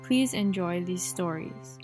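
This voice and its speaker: A woman host reading a scripted podcast introduction slowly and evenly. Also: fairly low pitch, a little mellow, soft background music.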